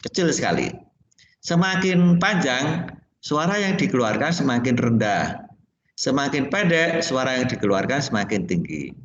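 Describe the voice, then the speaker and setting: A man's voice: medium pitch, big pitch swings, moderate pace, a little hiss or hum. A male music teacher from Indonesia giving a classroom lesson, explaining plainly, sometimes singing solfège notes and asking the class questions. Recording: dull echoey classroom recording.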